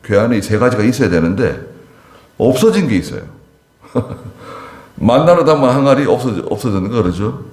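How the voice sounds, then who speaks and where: A pastor delivering a Wednesday service sermon, telling stories with emphatic rises and quiet asides. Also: male voice, a little fast, pauses often. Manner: animated storytelling, voice rising sharply for emphasis and falling low for asides. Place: church sanctuary. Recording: echoey church hall.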